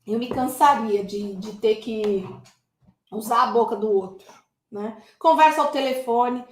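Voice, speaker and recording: Teacher, woman, high voice, chatty and direct with viewers, echoey room. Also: a little slow. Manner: lively, addresses viewers as "gente". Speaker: English teacher. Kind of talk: casual online English lesson.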